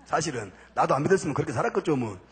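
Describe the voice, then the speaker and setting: A man's voice: fairly high pitch, expressive, very fast, slight background noise. A man giving a spoken testimony from a church pulpit, telling his story emphatically with punchy repeated intensifiers. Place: church sanctuary before a congregation.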